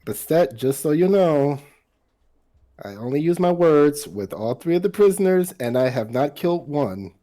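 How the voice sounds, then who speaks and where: A man playing a tabletop role-playing game, speaking in character with a slow, wry delivery. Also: a little high, expressive, mellow. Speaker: player.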